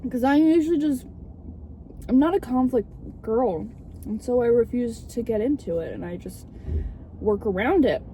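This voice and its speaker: In a casual car vlog, a young woman speaks in a fairly high, dark-toned voice, animated and at a moderate pace with frequent pauses. She is candid, slightly theatrical and swears a lot, while car background noise runs underneath.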